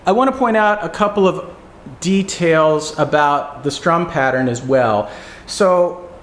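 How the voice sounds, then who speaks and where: A man teaching viola technique, explaining and demonstrating passages in a relaxed, pausing way. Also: on the high side. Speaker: music teacher. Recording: roomy echo, faint music.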